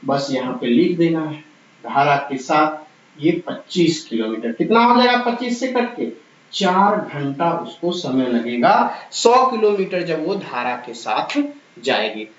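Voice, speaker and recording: Male math teacher, high voice, repeats numbers, echoey lo-fi recording. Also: animated, measured pace, slight background noise. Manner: repeats numbers aloud while working through problems, encouraging. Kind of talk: exam-prep math lesson. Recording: very echoey, dull lo-fi room sound.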